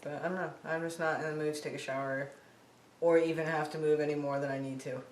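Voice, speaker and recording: A man's voice: a little high, flat delivery, fast. An American man chatting casually on a home vlog. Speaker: vlogger recovering from surgery. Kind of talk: casual chat. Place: room at home. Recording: roomy, distant mic, faint noise.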